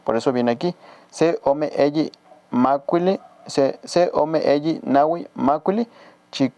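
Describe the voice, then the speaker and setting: Mexican man, language teacher; patient, repeats slowly, mellow voice, dry close sound. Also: a little high, clean tone, no room sound, highs cut off. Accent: Mexican Spanish. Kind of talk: casual spoken lesson.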